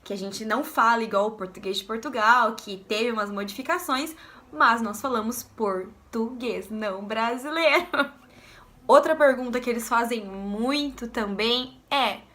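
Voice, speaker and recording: A young woman from Brazil chats to camera in a casual vlog, her voice bright and clear. She pitches a little higher than most and bounces into the voices of the people in her stories. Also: a little slow. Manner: animated, acts out quoted voices. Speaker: vlogger.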